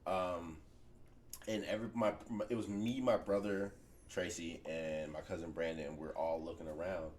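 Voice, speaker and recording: A man's voice: low-pitched, fairly even intonation, moderate pace, a little mellow, a little hiss or hum. A man hosting a podcast, telling a story in a loose, profane way and laughing often. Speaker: podcast host.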